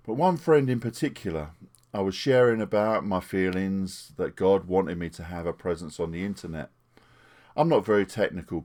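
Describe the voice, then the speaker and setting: A retired English pastor in his sixties tells his life story to the camera, earnest and plainspoken. His voice is low-pitched and a little mellow, picked up by a desktop microphone.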